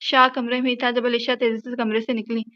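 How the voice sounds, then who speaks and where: A woman narrating a romantic audio novel in a steady storytelling manner. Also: a little high, fairly quick, muffled recording.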